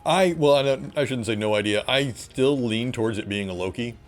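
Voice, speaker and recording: A man hosting a reaction vlog, talking in a casual, excitable way that rambles and often restarts. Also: mid-range voice, brisk, soft background music. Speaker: channel host reacting to a TV episode.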